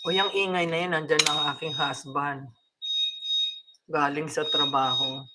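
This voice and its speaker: A woman's voice: low-pitched, fairly even intonation, unhurried, heavy background noise. An older woman with a Filipino accent, chatting casually to her viewers at home, laughing often and mixing in English. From Philippines. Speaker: vlogger.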